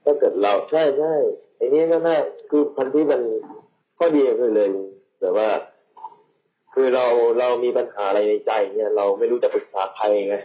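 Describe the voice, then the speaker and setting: A man's voice: mid-range voice, normal speed. A man co-hosting a podcast, talking casually in a rambling, slangy way that repeats itself. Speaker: podcast co-host. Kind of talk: casual chat. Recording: dull lo-fi sound.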